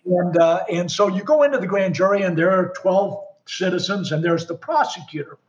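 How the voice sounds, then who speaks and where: A man's voice: high voice, normal speed, highs cut off. A man guest telling a story in a casual conversation, acting out the voices of other people in it. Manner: animated, acts out quoted dialogue.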